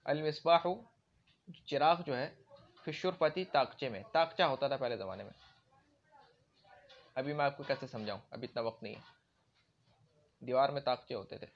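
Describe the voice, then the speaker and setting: A man's voice: medium pitch, pauses often. A man teaching Arabic grammar in a classroom-style lecture, explaining with everyday examples and often checking that listeners follow. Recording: dull lo-fi recording.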